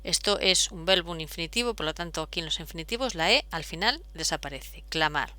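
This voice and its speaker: A woman's voice: lowish voice, lively intonation, brisk, sharp tone, no room sound. A woman, explaining step by step as a teacher, patient, with frequent fillers. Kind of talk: explaining at a whiteboard.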